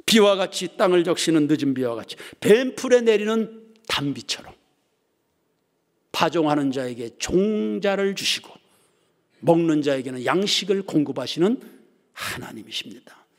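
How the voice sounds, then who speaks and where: Dramatic high-voiced male pastor preaching. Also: lively intonation, normal speed. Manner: dramatic, swings from ringing emphasis to hushed near-whispers. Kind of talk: sermon. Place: church sanctuary. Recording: reverberant church hall.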